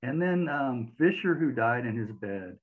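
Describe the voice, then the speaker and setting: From a home room with record shelves, an interviewer asks friendly, hesitant questions over a video call, often repeating words. His medium-pitched voice has lively intonation and a slightly slow pace. The webcam mic gives a tinny, phone-like sound.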